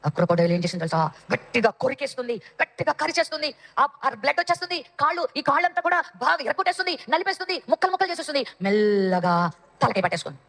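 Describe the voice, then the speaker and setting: A woman's voice: high-pitched, lively intonation, very fast, fairly bright tone, long reverb tail. A woman Sunday school teacher telling a dramatic Bible story to children, speaking to them directly.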